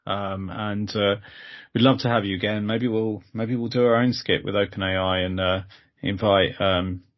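A man hosting a podcast, talking in a relaxed way with lots of pauses and fillers. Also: fairly low pitch, highs cut off. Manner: relaxed, laughing, hesitant with fillers. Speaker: podcast host. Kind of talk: casual podcast chat.

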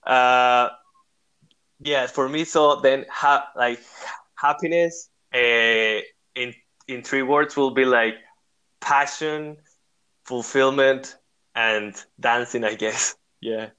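A man's voice: medium pitch, steady tone, takes it slowly, pauses often, sharp tone, smooth. A young man from Rica, answering interview questions in an earnest, searching way, full of fillers and restarts. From Costa Rica. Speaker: guest. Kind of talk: interview conversation.

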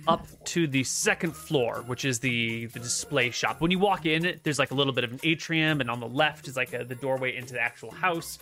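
A woman working as game master, improvising scene descriptions in a casual, halting way. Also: extremely low pitch, fairly bright tone, soft background music. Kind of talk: improvised tabletop game narration.

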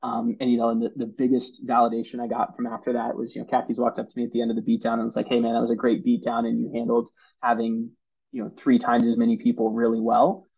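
A man in his thirties tells stories as a podcast guest, earnest and halting, often restarting his sentences. His voice is mellow and relaxed. The audio sounds a little dull and lo-fi. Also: medium pitch, creaky, slightly rough. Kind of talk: casual storytelling interview.

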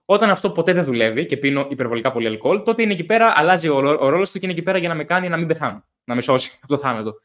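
A young man hosting a casual podcast, talking in an animated way, swearing and acting out stories about drinking. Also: a little high, few pauses. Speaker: podcast host.

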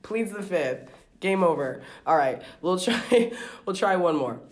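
Podcast host, woman, low voice, chatty and giggly, lots of "like" and "um". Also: animated, measured pace. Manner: giggly, rambling with many fillers. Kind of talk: casual podcast chat. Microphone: remote call.

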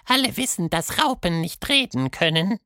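A man voicing a giggly, cheeky, fluffy pink monster creature in a children's audio story, with a tiny squeaky voice and a teasing, mock-innocent manner. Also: animated, moderate pace, sharp tone, no echo, studio quality.

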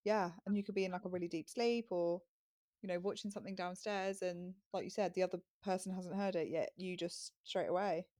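A woman co-hosting a casual chat, lively and quick to laugh as she tells stories. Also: lowish voice, no room sound, clean studio sound. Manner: lively, laughs often, acts out voices in stories. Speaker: podcast co-host.

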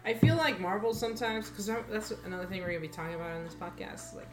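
A woman's voice: medium pitch, fast talker. A young woman co-hosting a casual podcast, chatty and swearing offhand. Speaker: podcast co-host. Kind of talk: casual chat. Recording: echoey room with loud music behind.

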